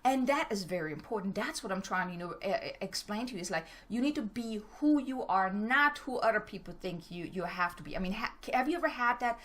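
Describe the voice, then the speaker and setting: A German-accented middle-aged woman from Germany gives motivational business coaching at a fast clip, speaking directly and stumbling over her words. Her voice is mid-range and expressive.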